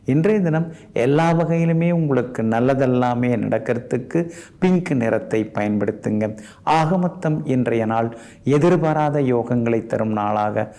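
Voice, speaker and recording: A man's voice: medium pitch, measured pace, warm tone. A man giving a daily horoscope as an astrologer, in a polite, advising way. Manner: polite and advising, ends sentences with respectful "ங்க".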